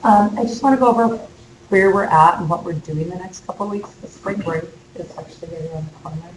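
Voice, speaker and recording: Talking fast in a lowish voice, a female college instructor is losing her voice as she gives a casual, chatty lecture in class, using fillers along the way. The room is echoey, with a faint hum in the background.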